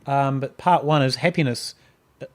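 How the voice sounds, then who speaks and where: A man co-hosts a podcast, his medium-pitched voice a little mellow and at normal speed. He chats casually in banter, joking around and easily amused.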